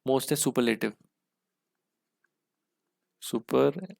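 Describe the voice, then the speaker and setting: A man teaching English for an exam in a mix, explaining step by step with rhetorical questions and spelling words out slowly. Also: mid-range voice, vocal fry, darkish tone. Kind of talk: exam-prep lesson in Hindi-English mix.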